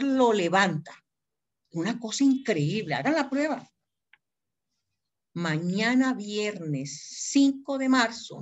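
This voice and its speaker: A woman with a Colombian accent delivers a live university law lecture, emphatic and prone to digressions, calling on students by name and spelling words out. Her voice is a little high and the sound is lo-fi.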